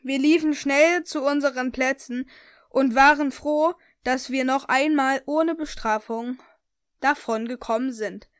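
A woman's voice: high voice, a little slow, no echo, clean studio sound. A young woman casually reading aloud a story she wrote, with slips and self-corrections. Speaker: reader of her own story.

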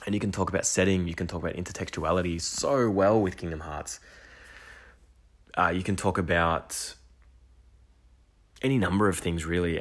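A man hosting an education podcast alone, talking enthusiastically and rambling with restarts and asides. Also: low-pitched. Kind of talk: solo podcast monologue.

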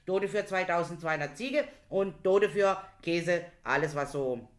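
A woman's voice: lowish voice, expressive, normal speed. A woman co-hosting a casual chat, chatty and rambling. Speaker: podcast co-host.

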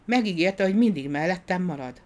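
A woman voicing a timid, excitable little girl who speaks haltingly and then gushes. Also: lowish voice, natural voice. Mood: faltering. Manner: breathless, faltering, then gushing.

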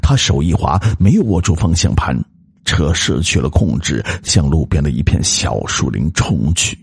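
A male storyteller with a very deep, gravelly, husky voice reads a ghost story. He speaks slowly and builds suspense, his pitch rising and falling in wide swings. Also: animated, darkish tone, no room sound, studio quality. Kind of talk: scripted ghost story narration.

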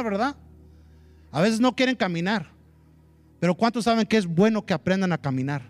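A male pastor gives an animated sermon, switching into English phrases and acting out what people say. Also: sits high, no room sound. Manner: mixes Spanish with English phrases; animated preaching that acts out quotes.

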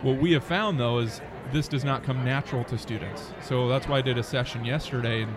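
An American startup founder is interviewed at a busy conference venue near an expo hall, talking conversationally at medium pitch and a little fast. Crowd chatter fills the noisy background.

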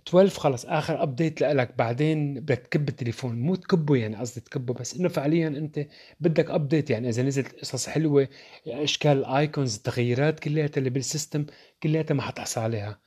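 Fast-talking husky Levantine man. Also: mid-range voice, darkish tone. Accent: Levantine Arabic. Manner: opinionated, rhetorical, addresses viewers directly. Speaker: tech reviewer. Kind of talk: casual tech opinion talk.

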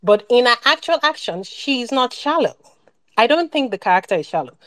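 A woman's voice: fairly high pitch, sing-song, brisk, a bit bright, no echo. A woman co-hosting a podcast, talking casually about a film, rambling with many restarts and fillers. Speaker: podcast co-host.

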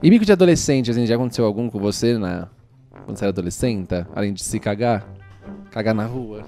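A man with a Brazilian accent in casual chat, telling embarrassing stories in an animated way. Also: fairly low pitch, quick pace, soft background music. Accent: Brazilian Portuguese. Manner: animated storyteller, calls his listener "menina".

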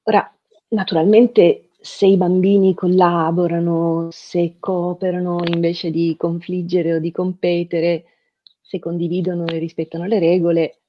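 Low-voiced woman host, muffled sound. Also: flat delivery, unhurried. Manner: polite, moderating. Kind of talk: hosted conversation. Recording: slightly dull, muffled audio.

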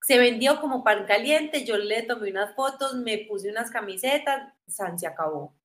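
A woman in her thirties with a Medellín Colombian accent, telling her story in a lively, casual interview. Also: on the high side, normal speed. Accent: Medellín Colombian Spanish. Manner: animated, acts out quoted voices. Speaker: guest.

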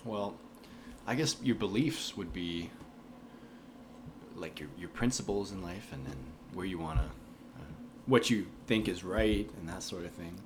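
A man from Canada chatting casually over a conversation card game, thinking aloud with relaxed restarts. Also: deep voice, measured pace, pauses often, background noise. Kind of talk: casual chat.

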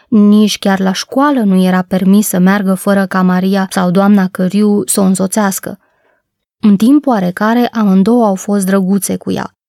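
A woman narrating a storybook as an audiobook, reading in a calm, measured way. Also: mid-range voice, vocal fry, dry recording, studio quality.

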